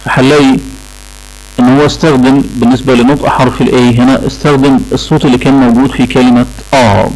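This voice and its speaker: A man's voice: mid-range voice, little pitch movement, fast, darkish tone, low-quality recording. A man with an Egyptian Arabic accent lecturing a class on English pronunciation, repeating key points and checking in with the students. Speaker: English teacher.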